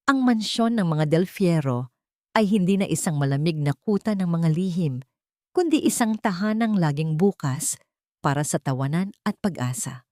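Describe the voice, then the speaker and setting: A woman with a Filipino accent narrates a scripted dramatic story as an audiobook. Her voice is low with a dark tone, recorded with clean studio sound and no room sound.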